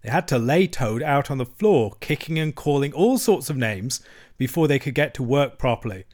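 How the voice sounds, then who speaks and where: A man reads a classic children's story aloud at an even, measured pace. His narration is expressive but steady. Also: mid-range voice. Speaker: reader.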